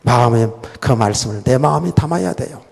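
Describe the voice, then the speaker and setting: A male pastor giving a sermon, dramatic and animated, dropping to quiet asides and then rising to loud exclamations. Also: medium pitch, brisk, vocal fry, slightly rough, soft background music. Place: church sanctuary. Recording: long church hall reverb.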